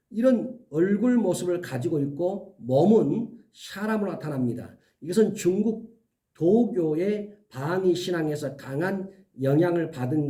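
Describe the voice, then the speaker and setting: A male pastor preaching an earnest sermon, giving emphatic warnings and slowly listing items one by one. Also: sits high, mellow, distant mic.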